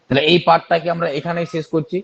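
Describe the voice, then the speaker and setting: Fast-talking math tutor. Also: male voice, a little high, level tone, vocal fry, fairly bright tone. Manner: repeats steps and keeps warning students about careless slips; quizzes students with rhetorical questions. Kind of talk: exam-prep math lesson. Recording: dull lo-fi recording.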